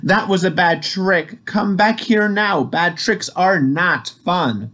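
Fretful storybook guy, scolds and pleads in high exclamations, read by the narrator. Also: slow, fairly bright tone. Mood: pleading. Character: fussy, worried male storybook character scolding a friend.

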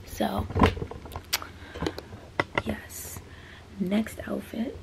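Speaking extremely slowly with vocal fry at medium pitch, a twenty-year-old fashion vlogger rambles through a clothing try-on haul full of fillers and asides. She's in a small bedroom, filmed by a camera on a stand at mid-distance, and the audio is very noisy.

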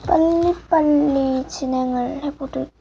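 A teenage girl vlogger softly shows viewers her swap items in a casual show-and-tell, apologetic and sometimes hushed. Her voice sits high, steady and a little slow, slightly rough, and the muffled home recording carries a clear background hiss.

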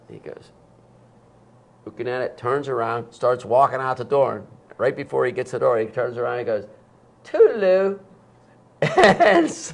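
On a TV studio set, a sixty-something concert promoter wearing a lapel mic spins stories with plenty of energy. His medium-pitched voice carries vocal fry, and when he acts out what people said, he breaks into abrupt loud outbursts.

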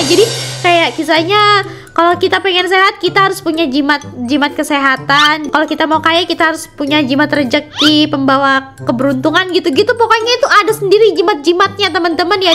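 A young woman giving playful, chatty reaction commentary as a video host. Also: very high voice. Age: young adult. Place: indoor room at a desk. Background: music.

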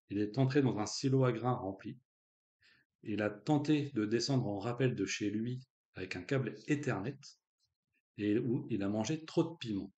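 A man's voice: on the low side, dark tone, highs cut off. A man hosting a live online quiz in a casual, joking way, with slang and lots of fillers. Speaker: quiz host.

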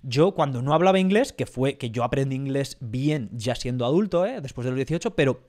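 A man's voice: medium pitch, expressive, brisk, darkish tone. A man from Spain hosting a podcast, speaking with a Spain Spanish accent in casual chat, rambling through many fillers and restarts. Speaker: podcast host.

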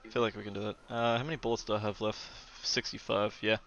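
A man's voice: on the low side, little pitch movement, fast talker, fairly bright tone, dull audio, a little hiss or hum. A young man streaming a game and chatting casually, laughing often and swearing. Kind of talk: casual gameplay chat.

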